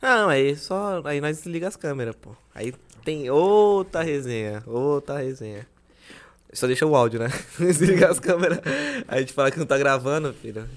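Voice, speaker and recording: A man's voice: a little high, lively intonation, fast, hardly any pauses. A man co-hosting a casual chat, slangy and swearing, laughing often. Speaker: podcast co-host.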